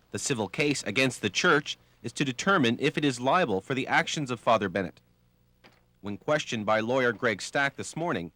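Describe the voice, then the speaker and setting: A male TV news reporter narrates a scripted report. His voice sits at a middle pitch for a man. The delivery is that of a prepared news piece, read in full sentences. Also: a bit bright.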